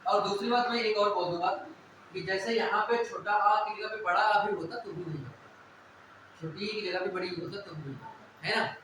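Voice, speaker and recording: A man's voice: high-pitched, normal speed, bright, forceful tone, slight background noise. A man teaching a Hindi grammar lesson, explaining step by step and often checking whether students follow. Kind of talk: classroom lecture on Hindi vowels. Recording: echoey room, voice from a distance.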